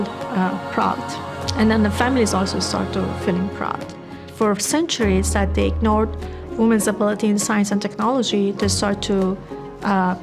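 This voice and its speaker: Afghan-accented woman, halting interview speech. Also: medium pitch. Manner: non-native English, halting with many fillers. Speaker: tech entrepreneur interviewee. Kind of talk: documentary interview.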